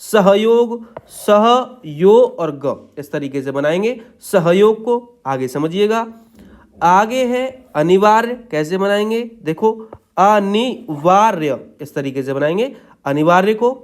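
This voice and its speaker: A man's voice: high voice, lively intonation, takes it slowly. A man teaching shorthand in a patient step-by-step tutorial, checking in after each point.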